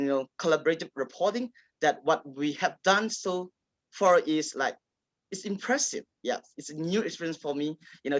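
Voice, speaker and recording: Here a male panelist, a local journalist and native Kachin speaker from Myanmar's Kachin State, gives his answer in a fairly high voice. The recording is dry, close and rough. His delivery stumbles along, full of fillers and restarts.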